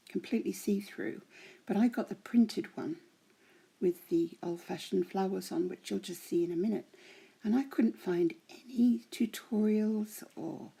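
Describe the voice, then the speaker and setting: Tired croaky woman with a dark voice. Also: medium pitch. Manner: chatty, rambling, many ums, drifting into whispers. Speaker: crafting vlogger. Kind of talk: casual show-and-tell vlog.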